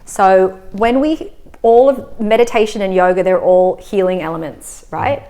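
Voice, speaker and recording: A woman, a yoga teacher explaining her practice in a calm, measured way during a casual interview. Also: medium pitch. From Australia. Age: 30s. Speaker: yoga teacher and breathwork facilitator.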